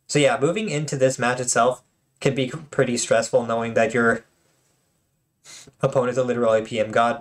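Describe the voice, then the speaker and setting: On his own channel, a man with a mid-range voice talks loosely over tournament replays. His commentary is joking and conversational, packed with filler words and false starts.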